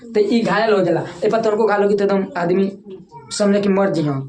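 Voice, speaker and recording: A woman's voice: mid-range voice, moderate pace, dark tone. A woman with a Bhojpuri-tinged Hindi accent, teaching a classroom lecture. She repeats key terms and keeps asking the students to say them back. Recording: echoey room with faint background noise.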